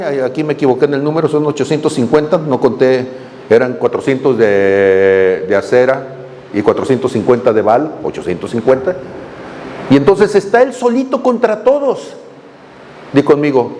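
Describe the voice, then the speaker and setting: A man's voice: a little high, a little mellow. A male pastor preaching a sermon, telling the story with humor and voiced quotes. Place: church hall. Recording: long reverb in a hall, faint noise.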